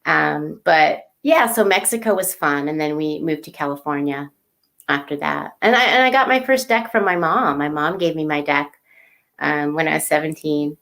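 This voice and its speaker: A woman in her fifties, a guest in a casual video chat, relaxed and storytelling with easy laughs. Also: low-pitched, moderate pace, gravelly.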